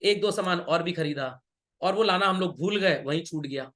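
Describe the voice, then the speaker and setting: A middle-aged man gives an online business studies lesson in a high voice. His tone is bright and sharp. He mixes Hindi and English and keeps playfully scolding students and asking if they follow. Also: normal speed. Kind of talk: online class lecture.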